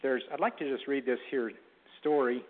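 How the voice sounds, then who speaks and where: A man preaching a Mother's Day sermon in a halting way, with restarts and throat clearing, reading a story to his congregation. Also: medium pitch. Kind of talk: sermon with a read-aloud story. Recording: tinny phone-like sound.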